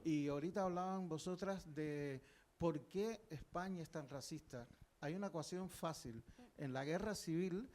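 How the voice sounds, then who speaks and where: A man's voice: a little high, normal speed, darkish tone. An older man from Cuba, speaking earnestly from the audience at a panel, with many fillers and restarts. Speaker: audience member, historian. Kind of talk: public panel discussion.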